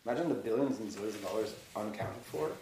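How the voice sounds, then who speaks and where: A man's voice: on the low side, fast talker, noisy background. A man hosting a podcast, ranting heatedly in casual conversation and swearing freely. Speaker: podcast host. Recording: roomy echo.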